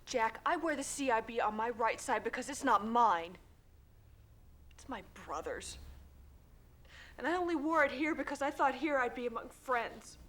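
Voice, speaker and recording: A woman's voice: high-pitched, fairly quick, few pauses. Woman playing a grieving Gulf War vet. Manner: quiet, earnest, drops to a near whisper. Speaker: Gulf War veteran in counseling group. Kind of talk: film drama.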